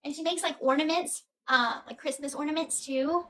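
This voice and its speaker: A young woman with a high, light voice hosts a casual livestream from home. She chats in a bubbly, friendly way with her co-host and the viewers. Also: fairly even intonation, moderate pace, pushed and bright.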